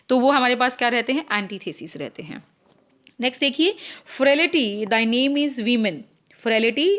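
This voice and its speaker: Woman teacher, slightly high voice, keeps asking "kya rehta hai" style questions. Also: a bit bright. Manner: reads English lines slowly, explains in Hindi with repeated rhetorical questions. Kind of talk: exam-prep literature lesson.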